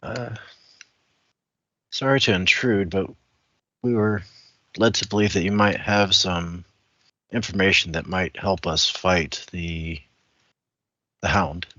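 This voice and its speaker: A man with a low voice and a bright, tense edge plays a tabletop game. He talks casually, in and out of role. The recording is dry and a little dull. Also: fairly even intonation, slow, pauses often, no room sound.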